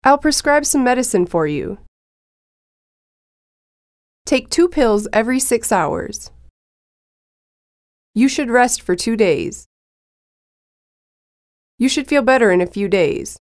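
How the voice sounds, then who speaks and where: Here the same kind of lesson recording: a woman whose voice is a touch high and lively deliberately slows down to read phrases for learners. The sound is close-miked, echo-free and dry, and she keeps her pacing steady and careful.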